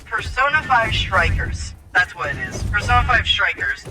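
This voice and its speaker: A young man chatting casually while gaming, rambling and halting with many restarts. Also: high-pitched, sing-song, music in the background. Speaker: co-host. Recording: noisy background.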